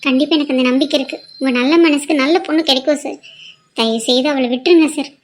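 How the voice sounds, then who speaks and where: A woman voices a gentle young woman in a cartoon drama who keeps apologizing. Her voice is high, and she speaks politely and humbly. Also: fairly even intonation, fast talker, a little hiss or hum, close to an everyday voice. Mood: apologetic.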